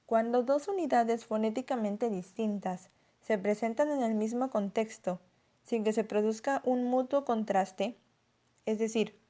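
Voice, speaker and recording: Mellow-voiced woman teaching a lesson. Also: fairly high pitch. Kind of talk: scripted lesson narration.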